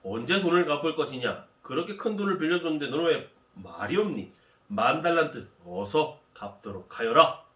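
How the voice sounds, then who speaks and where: A man's voice: on the high side, expressive, moderate pace, echoey room. A man voicing a stern, commanding master who demands repayment of a debt. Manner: commanding, forceful.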